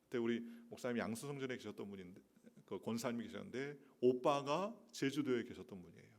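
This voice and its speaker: A man's voice: medium pitch, fast talker, vocal fry. A middle-aged man, a missionary preacher, telling personal testimony in a sermon, with storytelling and emphatic rhetorical questions.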